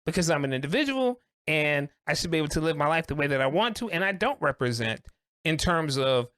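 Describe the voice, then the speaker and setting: A man co-hosting a podcast discussion, talking earnestly and reflectively in deliberate, emphatic phrases. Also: on the high side, sing-song, a bit bright, no echo, clean studio sound. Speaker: co-host.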